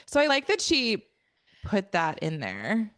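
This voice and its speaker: A woman's voice: medium pitch, huge pitch swings, measured pace, fairly bright tone, dry recording, studio quality. A woman co-hosting a book podcast, talking through a novel in a thoughtful, emphatic way with plenty of fillers. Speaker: podcast co-host. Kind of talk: casual book discussion.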